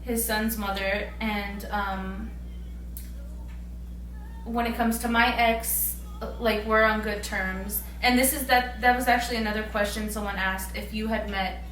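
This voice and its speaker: Tipsy, slow-talking woman in a roomy recording. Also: medium pitch, steady tone, fairly bright tone. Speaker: vlogger answering viewer questions. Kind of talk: casual couple Q&A chat. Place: bedroom. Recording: roomy, distant mic, background hiss.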